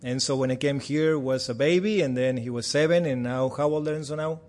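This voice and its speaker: With a brisk pace and a mid-range, somewhat mellow voice, a man in his forties gives a church a friendly missions report, chatty and lightly self-deprecating. He is from Argentina, a native Spanish speaker with an Argentine Spanish accent.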